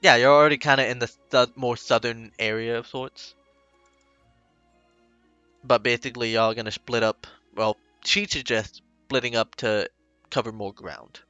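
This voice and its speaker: A laid-back man narrates as game master, his bright, forward voice pausing often as he works things out. He sits close to the mic, and the sound comes through dry, slightly dull and lo-fi, like voice-chat audio. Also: mid-range voice, fairly even intonation, smooth, dry recording, faint music behind. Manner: laid-back, halting with many pauses.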